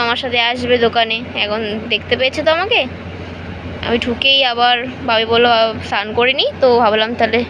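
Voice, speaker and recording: A young woman vlogging in a casual, chatty way, cooing to her dog and later speaking softly at night. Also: a little high, dull audio, noisy background. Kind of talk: casual vlog chat.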